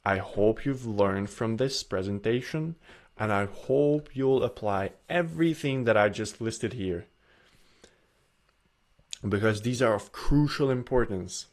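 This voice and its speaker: A man's voice: fairly low pitch, a little slow. Earnest man giving a self-help talk. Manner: earnest, repeats and restarts phrases. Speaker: presenter.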